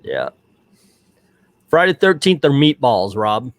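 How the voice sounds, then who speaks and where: This man hosts a casual live watch-party commentary on a movie from his home in Central Florida. His mid-range voice swings hugely in pitch, he takes his time, and he rambles chattily with plenty of fillers. There's no room sound.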